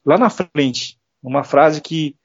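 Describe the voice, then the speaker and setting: Speaking slowly, a middle-aged Brazilian man with a high-leaning, gravelly voice and a breathy edge recounts earnest personal stories as an interview guest. He has a Brazilian Portuguese accent, performs the voices he quotes, and the dull lo-fi recording is dry with no room sound.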